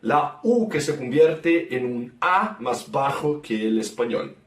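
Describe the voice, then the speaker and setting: A man with a Brazilian Portuguese accent, a native Portuguese speaker, slowly teaching vowel sounds and repeating example words. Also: mid-range voice, sing-song, echoey room, distant mic. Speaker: guest teacher. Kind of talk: language lesson.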